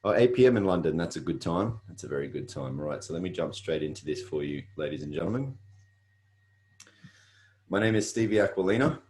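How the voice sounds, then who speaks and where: A middle-aged Australian man hosts an online motivational presentation, talking earnestly and repetitively with frequent fillers. His voice is low, darkish and animated, a little fast, with some hiss or hum.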